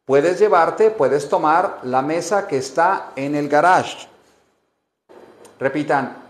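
A man teaching English to Spanish speakers on a live stream, slowly repeating phrases and drilling pronunciation. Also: fairly high pitch, reverberant.

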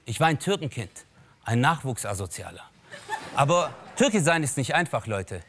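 A man's voice: mid-range voice, moderate pace, a little hiss or hum. A man in his thirties delivering an ironic stand-up monologue in a satire show, talking straight to the audience. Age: 30s. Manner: animated, ironic, addresses the audience as "Leute". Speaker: comedian.

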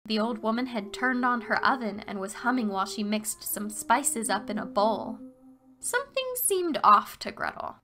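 A woman narrating a children's fairy tale expressively, slowing down for emphasis. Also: mid-range voice, steady tone.

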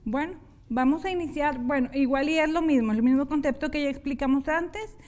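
A woman teaching sign language in a televised class, explaining each hand sign slowly, step by step. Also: sits high, darkish tone.

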